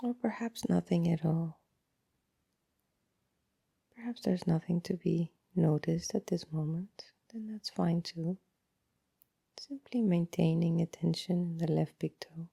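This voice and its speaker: Leading a body scan meditation, a woman speaks calmly and slowly in a soft, breathy voice on the low side. Her words frequently fade to a near-whisper between long pauses, and the recording is dry.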